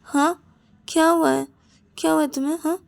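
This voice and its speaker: A woman's voice: on the high side, a little slow, darkish tone, close to an everyday voice. A woman voicing Ananya, a caring young partner who coaxes and asks worried questions again and again. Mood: coaxing. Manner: coaxing, repeated worried questions. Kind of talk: storybook narration.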